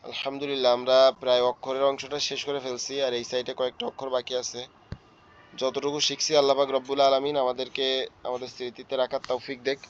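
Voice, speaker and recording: A hoarse man, teaching an online tajweed class and slowly repeating letter sounds for his students. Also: mid-range voice, monotone, a little hiss or hum. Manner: slow, repetitive drilling of letter sounds. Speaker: Quran teacher. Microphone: online class audio. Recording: dull lo-fi online class audio.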